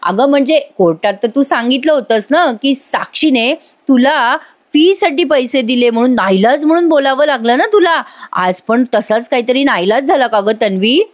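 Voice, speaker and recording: A woman's voice: sits high, animated, moderate pace. A woman quoting a young man who sarcastically taunts someone caught out. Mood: taunting.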